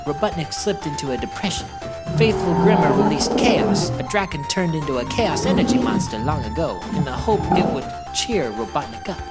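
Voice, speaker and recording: A woman voicing a young male hedgehog hero, narrating a scripted recap of his backstory matter-of-factly with wry asides. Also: deep voice.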